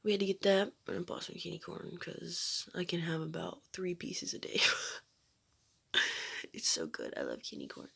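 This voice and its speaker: A young woman talks to camera from her room at home, rambling and giggling as she goes. Her voice has a gravelly fry and a husky, breathy edge. She often drops into a near-whisper mid-thought. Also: on the low side, huge pitch swings, moderate pace, fairly bright tone. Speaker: vlogger. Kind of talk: casual chat to camera.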